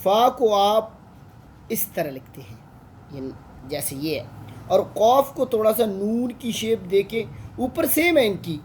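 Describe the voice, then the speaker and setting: A man's voice: high-pitched, expressive, takes it slowly, slight background noise. A man with a Pakistani Urdu accent, an online Quran tutor patiently teaching Arabic letters and drawing out each sound.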